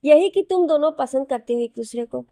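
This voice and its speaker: A woman's voice: high-pitched, lively intonation, brisk, warm tone, dry recording, clean studio sound. A woman voicing an elderly grandmother who scolds with love in a spoken story. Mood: fond scolding. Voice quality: fond, chiding tone.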